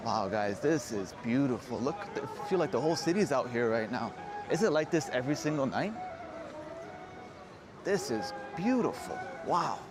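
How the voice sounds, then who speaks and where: A man's voice: medium pitch, big pitch swings, moderate pace. A man giving a chatty, casual walking tour as a travel vlogger outdoors on a city street. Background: street noise and vehicles.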